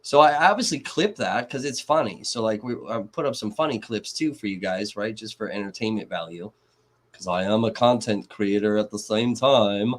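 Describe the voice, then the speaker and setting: A man's voice: on the low side, expressive, moderate pace. A man from Kenosha, Wisconsin, hosting a live trial commentary stream and ranting in a profane, sarcastic way. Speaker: livestream host.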